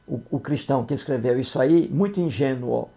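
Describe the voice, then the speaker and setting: A man's voice: medium pitch, brisk, vocal fry, dark tone. A man giving critical commentary on scripture, explaining it in a didactic, scornful way and often checking that listeners follow. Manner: didactic, repeats points, asks "entendeu?"; scornful, mocking. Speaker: video commentator.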